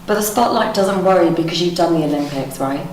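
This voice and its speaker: A woman's voice: fairly low pitch, fast, a little mellow, echoey room, slight background noise, rough recording. A woman hosting a casual interview at a boxing gym, chirpy and playful. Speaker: interviewer, host.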